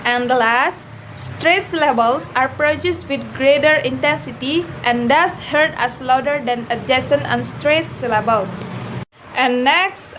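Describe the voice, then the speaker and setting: High-voiced student woman, slow and halting. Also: fairly bright tone, slight background noise, rough recording. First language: Indonesian. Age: young adult. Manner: hesitant, many "uh" fillers. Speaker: student presenter. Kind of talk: class video presentation.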